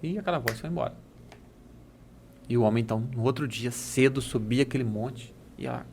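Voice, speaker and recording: Emphatic Brazilian coach telling parables. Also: male voice, mid-range voice, a little fast, gravelly, darkish tone, slight background noise. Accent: Brazilian Portuguese. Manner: emphatic, preachy, tells parables. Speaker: coach and speaker, podcast guest. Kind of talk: casual chat with storytelling.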